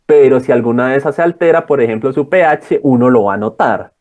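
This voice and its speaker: A man's voice: medium pitch, fairly quick, a little mellow, dull audio. A young man tutoring students in a casual lecture, rambling and checking in with his listeners.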